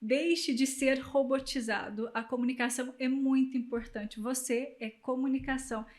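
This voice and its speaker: A woman's voice: sits high, fairly even intonation, normal speed, a little mellow. A woman with a Brazilian accent, a communication specialist giving emphatic, coaching advice in an interview. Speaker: guest, communication specialist and public speaker.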